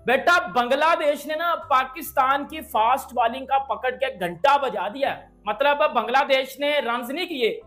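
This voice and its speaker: A man's voice: extremely high pitch, normal speed, few pauses, sharp tone, soft background music. A young man from Pakistan giving brash, slangy, taunting cricket commentary indoors. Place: indoor room.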